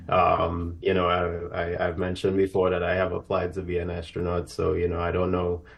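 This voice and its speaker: This aerospace professional from Trinidad and Tobago gives thoughtful, sincere answers as a live TV interview guest, leaning heavily on fillers. He speaks in a low monotone with vocal fry, neither fast nor slow.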